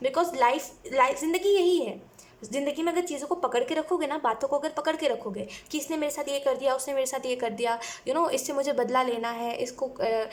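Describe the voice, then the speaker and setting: A woman's voice: high voice, brisk. A young woman giving a chatty tarot reading, talking casually and often asking "है ना" and adding "you know". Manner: chatty, mixes English phrases, repeats "है ना" and "you know". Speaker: tarot reader.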